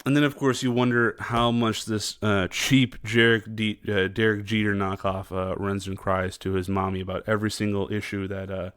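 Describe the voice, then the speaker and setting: Man, low voice, casual political commentary host, halting with fillers. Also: little pitch movement, a bit bright, clean tone, dry recording, clean studio sound. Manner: halting, many fillers and restarts, mocking put-on voices.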